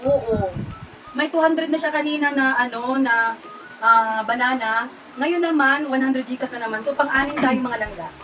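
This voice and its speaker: Chatty Filipino woman, high voice. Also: normal speed, a little hiss or hum. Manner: chatty, excited squeals at each winner, playful self-teasing. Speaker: vlogger hosting a raffle. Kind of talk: casual chat to viewers. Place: hot room indoors. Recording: mic at a distance, music playing loud.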